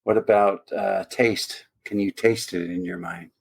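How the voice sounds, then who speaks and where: Man, podcast host, low-pitched voice, casual questioning, laughs often. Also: big pitch swings, measured pace, gravelly, slightly rough.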